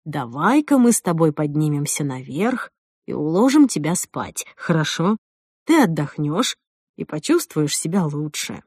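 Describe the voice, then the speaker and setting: A woman reading an audiobook voices a calm, condescending husband who coaxes his wife like a child. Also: on the high side, measured pace, husky, no room sound, studio quality, voice pushed down, heavily acted. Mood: coaxing. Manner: soft, patronizing coaxing.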